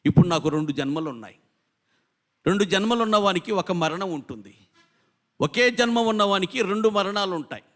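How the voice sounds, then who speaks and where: A man's voice: sits high, lively intonation, brisk. A man in his fifties, a pastor preaching an impassioned sermon in a church, building up long lists of repeated phrases. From India. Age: 50s.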